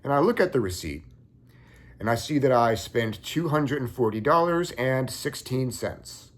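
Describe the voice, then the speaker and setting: A young man calmly recounting a dream in a measured first-person story. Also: mid-range voice. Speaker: occult content creator.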